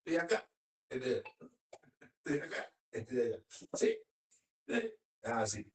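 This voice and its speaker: A preacher delivering a sermon, slowing and raising the voice to read verses aloud. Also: mid-range voice, sing-song, a little hiss or hum. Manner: emphatic, slows and raises voice when reading verses. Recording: roomy hall, voice from a distance.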